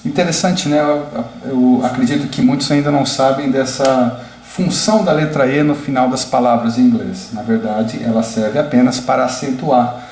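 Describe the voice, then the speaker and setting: A male teacher walks a class through pronunciation and shapes each example word with care. His mid-pitched voice sounds out in an echoing room, over a faint hum of background noise. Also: a little mellow. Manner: slow, deliberate, demonstrative. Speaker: English teacher.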